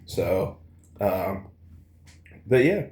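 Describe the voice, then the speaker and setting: Lowish-voiced man vlogging in an echoey room. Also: very animated, extremely slow, darkish tone. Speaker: food challenge vlogger. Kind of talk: casual eating vlog. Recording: roomy, echoing indoor sound.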